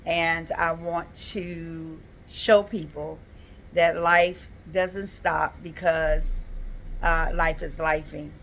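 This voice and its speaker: A woman's voice: sits low, steady tone, extremely slow, a bit bright, slight background noise. A woman in her fifties, talking earnestly and reflectively in a casual personal vlog, with frequent ums and uhs. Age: 50s. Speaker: vlogger.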